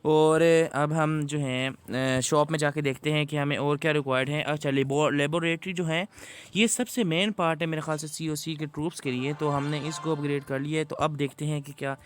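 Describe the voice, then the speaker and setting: A man's voice: on the high side, fairly even intonation, brisk, slight background noise. Chatty man narrating his gameplay. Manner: chatty, addresses viewers as guys. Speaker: gaming YouTuber. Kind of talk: casual gameplay commentary.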